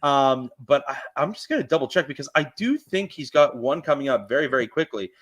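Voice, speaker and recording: A man's voice: mid-range voice, expressive, brisk, a bit bright. A man with a Canadian accent hosting a podcast, talking fights in an eager, rambling way. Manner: eager, rambling fan talk. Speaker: podcast host. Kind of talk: casual sports chat.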